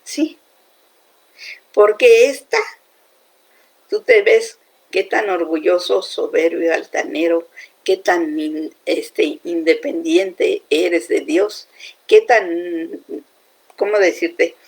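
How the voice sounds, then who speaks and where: Slow, gravelly woman teaching faith. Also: on the low side. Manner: conversational, keeps checking in with the listener. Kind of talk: informal devotional teaching.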